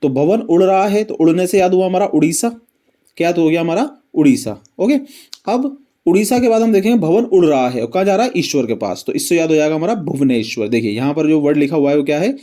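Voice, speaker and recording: A male teacher a slightly high but soft, mellow voice explains geography through memory-trick stories. He quizzes his viewers again and again and then answers for them, speaking in in. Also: animated, fairly quick. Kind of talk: animated mnemonic geography lesson.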